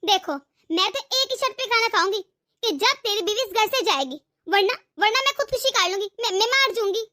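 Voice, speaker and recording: A woman's voice: very high-pitched, lively intonation, fairly quick, pushed and bright, full character voice. A woman voicing a bossy, stubborn older mother-in-law in a cartoon, taunting and melodramatic. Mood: threatening. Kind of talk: cartoon voice acting.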